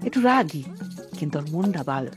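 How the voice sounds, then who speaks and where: A woman's voice: low-pitched, big pitch swings, a little fast, music in the background. An actress playing a suspicious mother who nags her son with questions in a Bangladeshi dialect. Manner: nagging, questioning.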